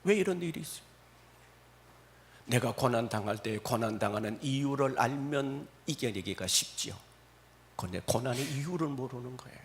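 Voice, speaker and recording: A man preaching a Sunday sermon at a church service, dramatic, swinging between loud exclamations and hushed asides. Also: mid-range voice, expressive, normal speed. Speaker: pastor.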